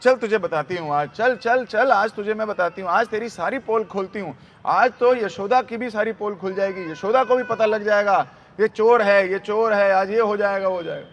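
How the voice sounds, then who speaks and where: A man voicing a shrill scolding village woman. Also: lively intonation, a little fast, dull audio. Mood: scolding, indignant. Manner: scolding, indignant, loud. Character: angry village woman dragging in a thief.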